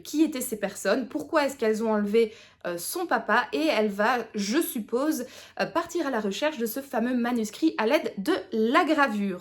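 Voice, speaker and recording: Woman, 30s, book vlogger: chatty, hesitant, self-mocking; slightly higher voice. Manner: chatty, many hesitations, laughs at herself. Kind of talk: casual book review chat.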